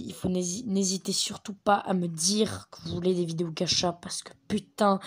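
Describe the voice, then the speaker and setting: A woman giving rambling, chatty commentary on a mobile game from her bedroom at home. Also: mid-range voice. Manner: chatty, rambling, quick to get excited. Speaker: gameplay commentator. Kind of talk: casual gaming commentary.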